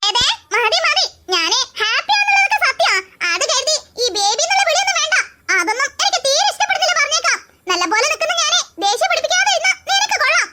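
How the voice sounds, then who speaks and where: A woman's voice: very high-pitched, animated, a little fast, heavy background noise. A voice actor doing a feisty young cartoon woman. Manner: sharp, mock-annoyed. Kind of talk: cartoon voice acting.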